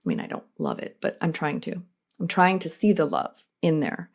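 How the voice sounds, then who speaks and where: A middle-aged woman speaks on her own podcast, her voice sitting on the lower side. She talks in an earnest, reflective monologue, breaking off into animated asides and restarting her thoughts as she goes. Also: normal speed, vocal fry, breathy edge. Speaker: podcast host.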